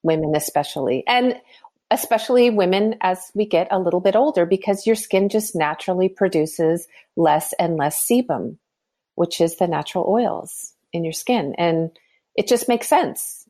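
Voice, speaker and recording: Her voice is low with a dark tone, moving at normal speed, as this fifty-something skincare founder earnestly explains her views in a podcast interview. She restarts her sentences frequently along the way.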